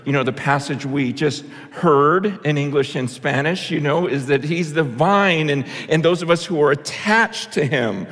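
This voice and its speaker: A man's voice: fairly high pitch, normal speed, hardly any pauses, a bit bright. A male pastor giving an impassioned, conversational sermon, often restarting his sentences. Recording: long hall reverb.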